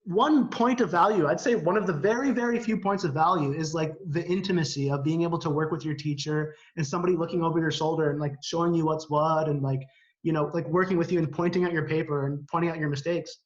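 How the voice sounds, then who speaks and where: Higher-voiced man chatting casually on a stream. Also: steady tone, fast talker. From Canada. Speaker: live stream co-host. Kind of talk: casual chat. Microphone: video call. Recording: slightly dull video-call audio.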